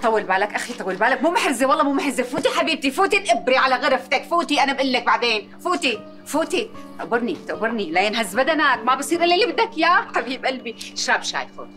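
Soothing syrian aunt, soft coaxing voice, very fast, music underneath. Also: female voice, high voice, very animated, full character voice.

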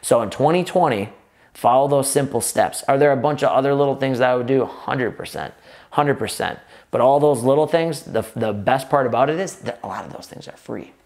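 Seated at a table in an office room, a man from the United States gives direct-to-camera business advice to would-be gym owners, picked up by an off-camera microphone. His medium-pitched, creaky voice moves a little fast as he energetically runs sentences together, restarts himself, and gestures with both hands.

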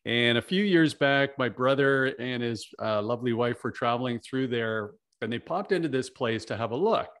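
Speaking at normal speed with barely a pause, the host has a mid-range, slightly bright voice. He's a middle-aged Canadian podcaster keeping an interview casual and friendly over a video call, full of "you know" fillers and captured on a desk mic.

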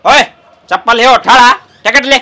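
A young man acts out a brash Haryanvi bus conductor in a comedy sketch. His voice is very high for a man and bright, with a forceful edge. He talks in a scolding, sarcastic way, full of mockery. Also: moderate pace, a little hiss or hum. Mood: mocking, irritated. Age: young adult. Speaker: comic actor. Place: inside a parked bus.

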